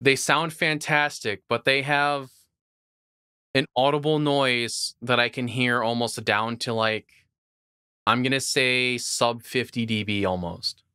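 A man's voice: medium pitch, fairly even intonation, slow pace, pushed and bright, clean tone, dry recording, studio quality. A man co-hosting a podcast, chatting casually and opinionated about audio gear. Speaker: podcast co-host.

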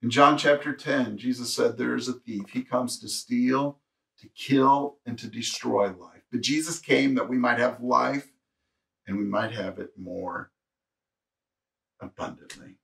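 A male pastor delivers an earnest sermon and reads passages aloud, with pitch at an ordinary middle height. His voice swells to emphatic peaks and then drops back, and it comes from a little way off the microphone. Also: a little slow, creaky, a bit bright, distant mic.

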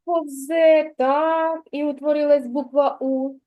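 A woman preschool teacher with a Ukrainian accent giving a slow, patient literacy lesson, sounding out words for a child. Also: sits high, flat delivery, muffled recording.

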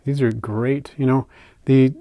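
A relaxed, chatty older man with a mid-pitched voice talks through his hobby purchases in a casual vlog. His delivery is easygoing, full of fillers and soft asides, and the sound is dry and close, recorded indoors at a tabletop. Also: a little slow, no echo. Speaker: isopod keeper unboxing purchases. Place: indoors at a table, hands on camera.

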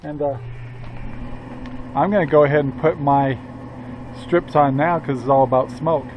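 An older man hosts a casual cooking vlog, rambling folksily with plenty of "uh"s and little chuckles, filmed both in an outdoor yard beside a grill and in a cluttered indoor room. His voice is on the high side with fairly even intonation at normal speed, and the sound is lo-fi with slight background noise.

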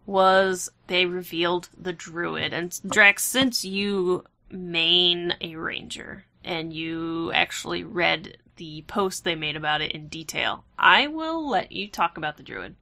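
A woman's voice: on the low side, slow, creaky, hardly any pauses, pushed and bright. A woman hosting a casual gaming podcast, chatty and full of hedging fillers, steering the talk. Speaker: podcast host.

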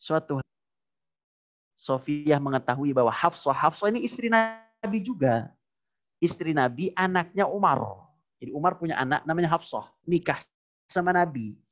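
A man preaching a religious lecture, telling stories and acting out quoted lines with sudden jumps in pitch, speaking directly to his congregation. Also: animated, normal speed, long pauses, a bit bright. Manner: addresses the audience directly as "Bapak Ibu". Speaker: Islamic preacher. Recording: dull lo-fi lecture recording.

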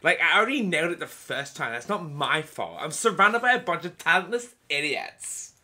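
A man's voice: a little high, very animated, normal speed, bright, forceful tone, exaggerated voice. A man doing a snide, vain female actress. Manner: snide, self-important, mocking. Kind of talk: reading game dialogue aloud.

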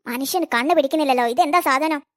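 High-pitched grumbly old granny done by a woman, cartoon, protective and complaining. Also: fast, natural voice. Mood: scolding. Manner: complaining, scolding.

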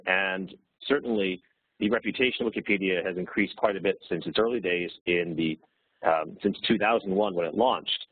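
Male presenter dialed in by phone; husky, phone-band sound, walks through the material plainly. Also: lowish voice, no echo. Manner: explanatory, steady lecturing. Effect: heard over a phone line. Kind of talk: webinar presentation. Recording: tinny dry phone line.

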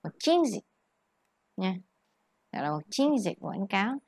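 A woman tutors English, patiently explaining word stress and working English words into her explanations. Her mid-range voice swings widely in pitch at a slightly slow pace, recorded with clean, dry studio sound.

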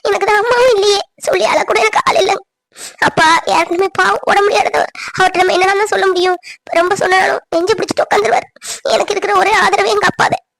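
A lonely young village woman in a cartoon pleads softly for love. Her voice sits very high and light. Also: expressive, brisk. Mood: tearful. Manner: soft, pleading, tearful. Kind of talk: cartoon voice acting.

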